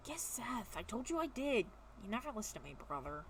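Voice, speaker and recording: A woman's voice: on the high side, big pitch swings, a little fast, slight background noise, voice pushed up. A woman reading a storybook voices a teenage boy twin who talks to his brother in a snippy, exasperated way.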